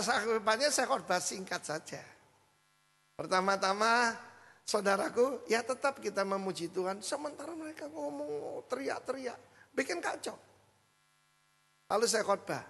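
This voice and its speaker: High-voiced pastor with a gravelly edge. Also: male voice, a little slow. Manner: lively storyteller, frequent asides to the congregation. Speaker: senior pastor. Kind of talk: sermon with storytelling. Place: church hall. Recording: hall reverb with mains hum.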